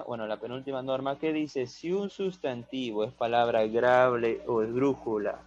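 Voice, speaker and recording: A man's voice: medium pitch, a little mellow. A male primary school teacher explains a grammar lesson patiently, checking in with his pupils through frequent short questions. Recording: dull, muffled dry recording.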